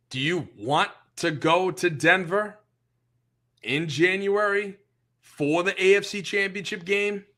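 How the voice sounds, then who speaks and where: A man hosting a sports podcast, ranting as an opinionated fan in a casual, animated way. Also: on the high side.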